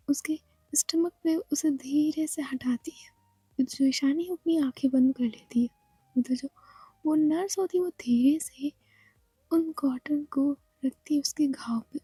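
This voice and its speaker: A woman narrating a romance story in a soft, hushed whisper. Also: sits high, no room sound.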